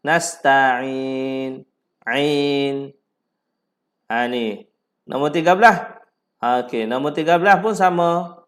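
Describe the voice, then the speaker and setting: A man with a Malaysian Malay accent teaches Quran recitation, repeating words slowly syllable by syllable to correct pronunciation and breaking into drawn-out chanted verses. His voice is on the high side and a bit bright.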